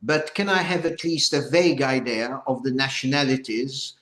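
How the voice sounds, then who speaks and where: An older man opening a training session for a group, speaking deliberately and haltingly with repeated words. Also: medium pitch, a bit bright. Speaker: former judge giving a training session. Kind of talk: informal lecture opening, addressing a group. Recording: echoey room.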